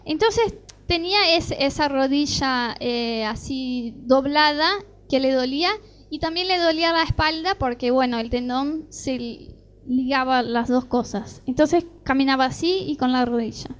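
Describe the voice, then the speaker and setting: Middle-aged Argentine woman, high voice, preaching sermon testimony with animated acted-out storytelling. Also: a little slow. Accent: Argentine Rioplatense Spanish. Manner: animated storytelling, acting out dialogue.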